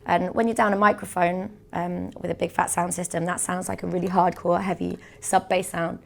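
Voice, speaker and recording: A woman's voice: lowish voice, level tone, brisk, vocal fry, slight background noise. A young woman teaching a beatboxing technique, explaining step by step in a patient tutorial manner. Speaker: beatbox instructor.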